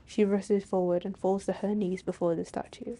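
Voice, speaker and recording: A woman streaming a game reads its narration aloud like a storyteller, shifting between the archaic scripted lines and offhand casual reactions. Her mid-range voice is mellow and flat, at a moderate pace. Faint game music plays behind her.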